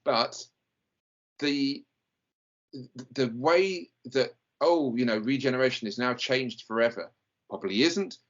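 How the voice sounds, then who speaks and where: A man's voice: medium pitch, lively intonation, unhurried, pauses often. Rambling man, muffled recording. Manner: rambling, hesitant, many fillers. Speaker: podcast co-host. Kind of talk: casual review chat.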